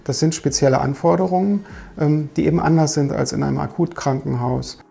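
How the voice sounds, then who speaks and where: Gravelly, dark-voiced man. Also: on the high side, faint music behind. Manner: measured, with frequent hesitation fillers. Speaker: chief physician. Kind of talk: documentary interview.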